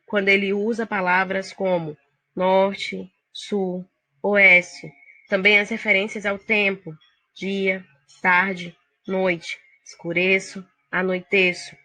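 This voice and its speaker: Bright-voiced Brazilian woman teaching literature. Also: medium pitch, dry recording. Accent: Brazilian Portuguese. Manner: explaining step by step, addressing students directly. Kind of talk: recorded video lesson.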